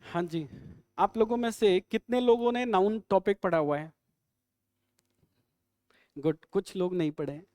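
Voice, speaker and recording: High-voiced man teaching English. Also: a little mellow, no room sound, clean studio sound. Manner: quizzing students with quick questions and jokes. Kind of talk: live online exam-prep lesson.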